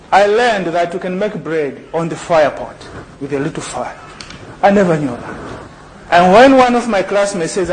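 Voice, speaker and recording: A middle-aged preacher from Zambia delivers a sermon in a high, lifted voice. He keeps tossing questions to the congregation and lets them supply the answer. The archived church recording carries a faint hiss underneath. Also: low-quality recording. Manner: call-and-response questions to the congregation. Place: church hall.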